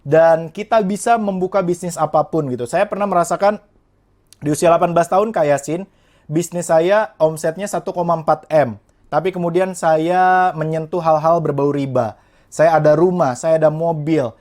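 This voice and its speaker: A young man in his twenties from West Java speaks as an interview guest, his voice sitting a little high for a man. He tells his story earnestly and keeps turning to address the listeners in a motivational tone. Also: steady tone, normal speed, darkish tone. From Indonesia, West Java. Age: 20s.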